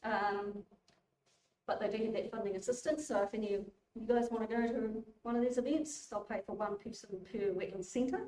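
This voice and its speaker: A woman giving a relaxed public talk, informal and chatty with many fillers and restarts. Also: fairly high pitch, moderate pace, distant mic. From New Zealand. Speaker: guest speaker. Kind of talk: public lecture. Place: community hall. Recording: echoey hall, voice from afar.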